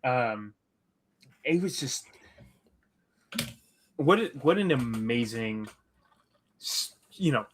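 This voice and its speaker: A man's voice: medium pitch, expressive, slow, pauses often, slight background noise. A man co-hosting a podcast, chatting casually through a recap, rambling with restarts and acting out quotes. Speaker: podcast co-host.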